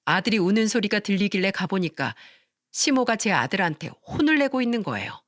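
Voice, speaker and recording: Expressive woman narrating a story. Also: mid-range voice, fairly quick, dry recording, clean studio sound. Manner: expressive storytelling, acting out quarrels. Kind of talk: first-person story narration.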